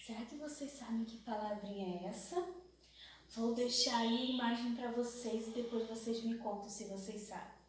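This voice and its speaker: A Brazilian woman teaching young children a phonics lesson, asking slow sing-song questions and stretching out syllables. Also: fairly high pitch, very echoey, distant mic, slight background noise, poor audio. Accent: Brazilian Portuguese.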